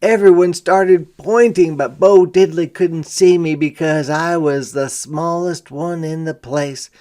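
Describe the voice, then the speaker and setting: A man reading a picture book aloud to young children as a teacher, with expressive, deliberate delivery and simple explanations. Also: fairly high pitch. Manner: dramatic, deliberate delivery with emphasized character lines.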